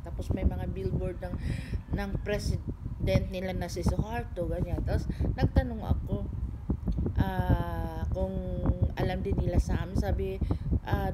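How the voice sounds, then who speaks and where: Chatty woman vlogger over loud noise. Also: medium pitch. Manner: chatty, rambling, many fillers; addresses viewers as guys. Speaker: former cruise ship crew member. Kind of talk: casual storytelling vlog.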